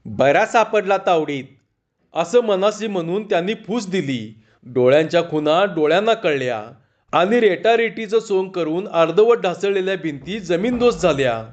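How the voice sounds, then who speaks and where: A male storyteller narrates a comic tale with lively expression. His voice sits high for a man. The recording is slightly dull and muffled. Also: normal speed.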